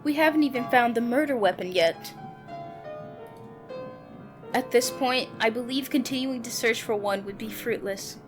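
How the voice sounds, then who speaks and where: With music playing behind her, a woman with a voice on the high side reads a visual novel aloud at a moderate pace, alternating narration with character lines and leaving long pauses.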